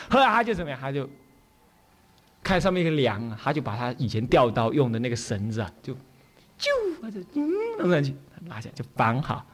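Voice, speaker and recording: A man with a Taiwanese Mandarin accent, a Buddhist abbot telling stories in a sermon, acting out the characters and often asking the audience to agree. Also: a little high. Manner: acts out characters' voices while telling stories. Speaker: Buddhist abbot giving a dharma talk. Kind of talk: storytelling sermon.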